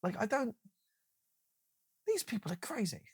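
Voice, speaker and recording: A man's voice: high voice, huge pitch swings, unhurried, husky, no room sound, studio quality. A man hosting a reaction commentary video, sarcastic and incredulous, with casual swearing.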